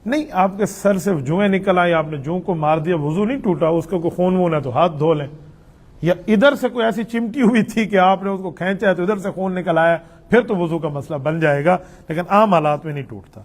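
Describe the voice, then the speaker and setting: High-voiced man answering religious questions. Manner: conversational, explains patiently, tells anecdotes. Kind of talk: religious Q&A with storytelling.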